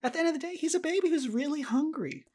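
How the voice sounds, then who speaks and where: A man's voice: extremely high pitch, animated, quick pace, darkish tone. A man co-hosting a podcast, explaining a show in casual chat and laughing often. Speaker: podcast co-host.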